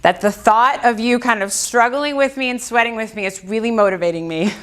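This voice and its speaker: A woman's voice: fairly high pitch, brisk, a bit bright. A woman working as an aerobics instructor, out of breath as she counts reps and gives short, encouraging workout commands. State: out of breath from exercising. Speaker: fitness instructor.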